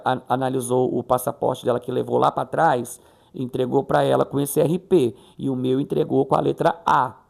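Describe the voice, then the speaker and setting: A man's voice: fairly high pitch, creaky, darkish tone. A man from Brazil chatting casually in a vlog, retelling a conversation and acting out the quoted voices. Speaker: vlogger.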